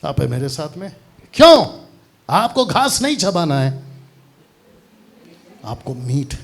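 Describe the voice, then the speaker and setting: A man preaching a lively sermon at a church seminar, teasing and quizzing the crowd and mixing English words into his Hindi. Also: a little high, slight background noise. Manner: animated, teasing, asks the crowd questions.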